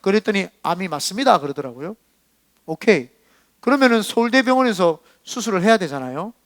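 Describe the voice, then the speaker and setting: A middle-aged man from South Korea preaching a sermon as pastor, telling a personal story and acting out the dialogue with swings in loudness. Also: high-pitched, sing-song, fairly quick, no room sound. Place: church.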